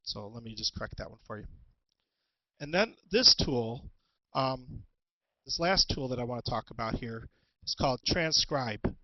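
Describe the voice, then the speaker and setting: A man presenting an instructional webinar as a teacher, talking through tools in a halting way with many ums and restarts, on a headset. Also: mid-range voice, expressive, pushed and bright, dry recording, muffled recording. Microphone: headset with headphones.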